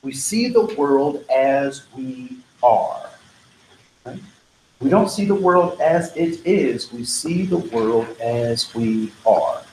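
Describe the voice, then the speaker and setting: An American man with a mid-range, somewhat dark voice speaks expressively and slowly while leading a diversity training workshop. His lecture is conversational and wanders into tangents, peppered with "um" and frequent "right?" check-ins. The echoey training room carries faint noise.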